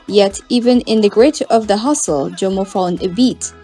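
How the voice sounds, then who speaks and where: A woman's voice: medium pitch, normal speed, warm tone, husky, faint music behind. Woman narrating a dramatic news feature. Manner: dramatic, polished delivery.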